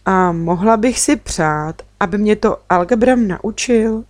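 A woman reading aloud and voicing a lively, curious young girl who asks eager, pleading questions, her voice lifted higher than her narration. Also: no room sound, natural voice.

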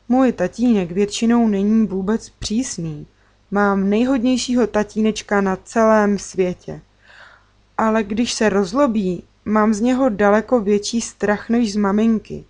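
Expressive woman reading a children's story. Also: medium pitch. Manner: expressive, first-person storytelling. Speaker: narrator. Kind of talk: audiobook narration of a children's story.

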